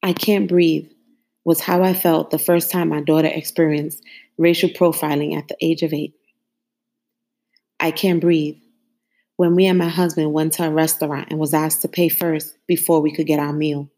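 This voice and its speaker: A woman host in her thirties delivering a solemn spoken-word monologue, measured and grave, built around a repeated refrain. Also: sits low, level tone, dark tone. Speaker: podcast host.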